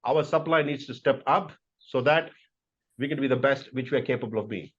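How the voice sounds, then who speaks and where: A man's voice: medium pitch, brisk, fairly bright tone, breathy edge, muffled recording. A middle-aged man from India, a corporate executive answering interview questions in an emphatic, motivational way.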